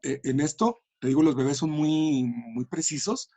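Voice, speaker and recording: Recorded dry, a fairly high, warm male voice moves at a moderate pace. He's an education and language researcher giving an interview on language and communication, speaking thoughtfully with many small restarts.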